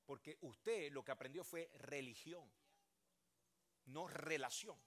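A man's voice: a little high, slow pace, fairly bright tone. An older man preaching a sermon as a pastor, acting out churchgoers in voices as he talks.

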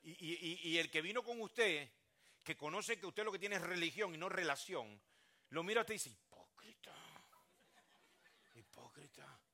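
A man's voice: high-pitched, expressive, normal speed, pushed and bright. An older man preaching a sermon as a pastor, acting out churchgoers in voices as he talks.

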